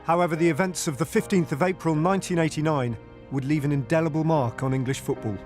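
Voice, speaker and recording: A man narrating a sports documentary in a measured, formal scripted read. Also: a little high, fairly even intonation, a little mellow, soft background music.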